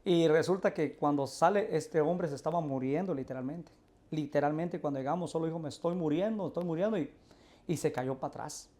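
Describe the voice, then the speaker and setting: Earnest pastor. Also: male voice, fairly high pitch, a little fast, darkish tone. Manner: earnest storyteller, acts out quoted dialogue. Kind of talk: telling a personal testimony.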